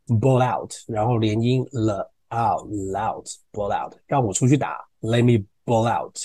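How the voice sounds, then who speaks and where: Taiwanese guy teaching english in mandarin, mellow voice, keeps repeating words, dry close mic. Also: fairly low pitch, takes it slowly, slightly rough, dry recording. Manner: repeats words to drill pronunciation; mixes English phrases into Mandarin explanations. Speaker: English teacher podcast host. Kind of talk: casual teaching talk.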